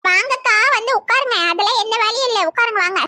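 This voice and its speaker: A woman's voice: extremely high pitch, fast, pushed and bright, soft background music, heavily acted. A woman voicing a middle-aged village mother in a cartoon who fusses and dotes on her son. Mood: welcoming. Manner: doting, coaxing, village Tamil talk.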